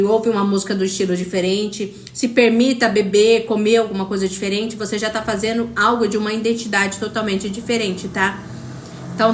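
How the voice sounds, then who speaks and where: A woman's voice: mid-range voice, roomy sound, a little hiss or hum. A woman with a Brazilian Portuguese accent hosting a live stream as a spiritual coach, talking in an emphatic, repetitive way and greeting viewers by name. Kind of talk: motivational live-stream talk.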